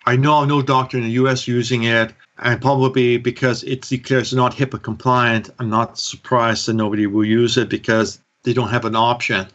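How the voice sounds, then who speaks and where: A man, a podcast guest, explaining his free microbiome website in earnest detail with frequent "um"s, heard over a low-quality remote audio stream. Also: little pitch movement, brisk, few pauses, a bit bright. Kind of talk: explaining in an interview. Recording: muffled lo-fi remote call audio.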